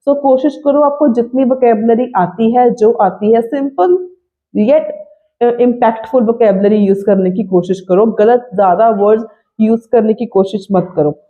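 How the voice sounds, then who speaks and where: A woman teacher, explaining step by step in a fairly high voice. The sound is thin and tinny, as if it came down a phone line. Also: measured pace. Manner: explaining, mixes Hindi and English. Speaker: IELTS teacher. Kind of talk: online lesson.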